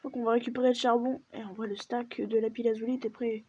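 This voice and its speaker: A woman commenting casually on her gameplay, chatty and self-mocking, with excited exclamations. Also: fairly high pitch, quick pace. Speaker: gaming video host. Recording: dull lo-fi sound with faint noise.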